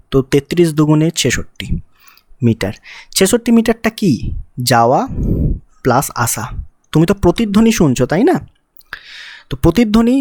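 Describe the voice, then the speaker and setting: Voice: mid-range voice, darkish tone, dry recording, studio quality. Physics teacher explaining step by step. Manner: explains step by step, asking rhetorical questions to the student; mixes English technical terms into the talk. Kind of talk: exam-prep physics lesson.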